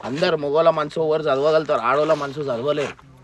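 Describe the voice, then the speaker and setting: A man's voice: on the high side, slight background noise. A man, firmly lecturing and advising in a family drama skit. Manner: firm, lecturing, fast-talking. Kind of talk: scripted family drama acting.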